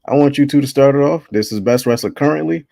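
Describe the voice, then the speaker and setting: A man's voice: medium pitch, quick pace, vocal fry, dark tone, dry recording. A man hosting a casual wrestling chat with friends, laid-back and rambling, laughing easily. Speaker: host running a wrestling bracket show.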